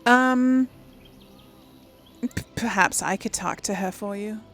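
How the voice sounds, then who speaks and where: Hosting a casual game role-play, a gaming video host thinks out loud and gives playful voice to the dialogue options she picks. Her voice is mid-range, slow, and fairly bright, with faint noise in the background.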